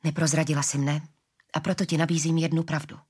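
A woman reading a story, voicing a calm, mysterious shapeshifting assassin who speaks quietly and unhurriedly, with a low husky voice.

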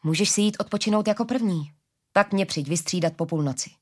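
A woman's voice: mid-range voice, darkish tone, natural voice. Woman doing a grumbling young guard. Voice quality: grumbling, easygoing. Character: young man, a guard on night watch.

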